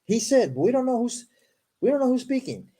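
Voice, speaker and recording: A man's voice: extremely high pitch, very animated, moderate pace, mellow. A male host reading scripture aloud and breaking in with sarcastic, skeptical asides.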